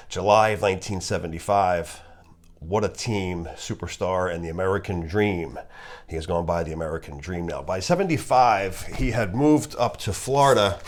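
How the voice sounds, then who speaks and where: A man with a broken nose and slightly off breathing gives unscripted, halting commentary as he presents a collection of magazines. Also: low-pitched.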